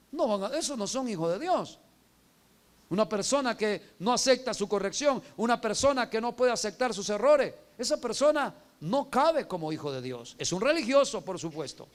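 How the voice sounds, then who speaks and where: A man with a high, bright voice preaches with fervor, calling on his congregation to repeat lines and read along. His delivery rises and swells, breaking into full shouts at the peaks of his sermon. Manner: fervent preaching, swelling to shouts on quoted cries. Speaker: pastor.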